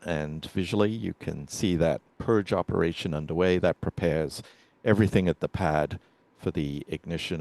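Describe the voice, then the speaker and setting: A man giving measured, explanatory live commentary on a launch as a webcast commentator. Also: rumbling low, a little mellow, no room sound.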